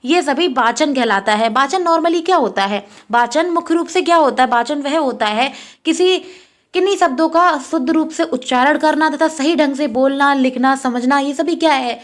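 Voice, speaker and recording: A woman's voice: high-pitched, normal speed. A young woman teaching an exam-prep lecture, repeating each point and asking questions she then answers herself.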